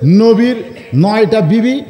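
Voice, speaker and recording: A man's voice: high-pitched, lively intonation, slow pace, dark tone, roomy sound, in a large hall. A man preaching a sermon, telling stories with great passion, acting out the voices, and calling on the crowd to answer him. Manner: impassioned storytelling, acts out voices, calls on the crowd to answer. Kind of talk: Bengali waz sermon.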